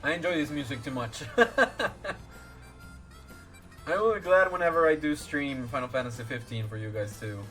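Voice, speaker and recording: A man's voice: medium pitch, fast, fairly bright tone, rough recording. Male streamer: casual, playful, talkative game commentary, mid-range voice, music behind. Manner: playful, chatty.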